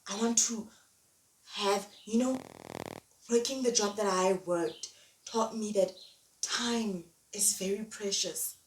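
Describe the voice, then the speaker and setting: A woman's voice: medium pitch, slow pace, long pauses, recorded from a distance. A young woman speaks emphatically in a motivational monologue, leaning on repetition to drive her points home. She sounds set back from the mic in an echoey room, with a faint hiss of noise underneath. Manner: emphatic, repeats key phrases. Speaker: vlogger.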